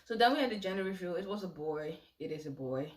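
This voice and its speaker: A young woman in her late teens, a native Dutch speaker, talking softly and haltingly in a personal confessional vlog. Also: lowish voice, expressive, echoey room. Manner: soft-spoken and halting. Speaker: vlogger. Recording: voice distant from the mic.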